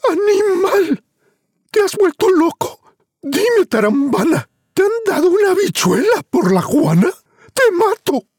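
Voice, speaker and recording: A man doing a shrill scolding mother. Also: very animated, normal speed, darkish tone, no room sound, studio quality. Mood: shrieking. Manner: shrieking, scolding.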